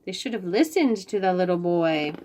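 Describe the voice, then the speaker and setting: A woman reads a storybook to young children, expressive and deliberate as she emphasizes key phrases. Her voice has a fairly low pitch.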